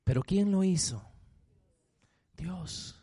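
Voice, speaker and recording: A man's voice: sits high, animated, slow, dark tone, breathy edge, no echo, clean studio sound. A male pastor preaching a sermon, emphatic, often asking the congregation questions.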